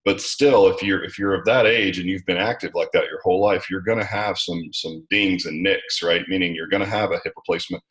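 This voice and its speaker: A middle-aged American man with a deep voice answers questions in an interview. He talks at length in an informal, conversational way, sprinkling in small check-in phrases. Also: fairly even intonation, a little fast, few pauses, a bit bright, rough recording. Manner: talkative, informal, peppered with 'right' and 'you know'. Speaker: interview guest, gym franchise founder.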